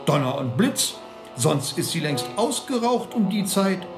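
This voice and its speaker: A man's voice: sits high, sing-song, a little slow, pitched above the performer's own voice, full character voice. A man voicing a crowd of fussy little old men in a storybook, crying out and cursing in alarm, over guitar music in a roomy recording. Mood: indignant.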